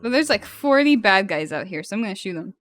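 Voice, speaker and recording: A young American woman in her twenties chatting casually while gaming, giggly and quick to laugh. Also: mid-range voice, big pitch swings, a bit bright. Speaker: gaming channel co-host. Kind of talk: casual gameplay chat.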